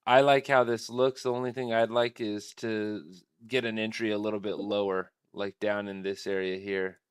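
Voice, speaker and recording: A man's voice: lowish voice, little pitch movement, normal speed, clear, resonant tone, no room sound, clean studio sound. A man hosting a live trading stream, thinking aloud at his computer in a casual, rambling way.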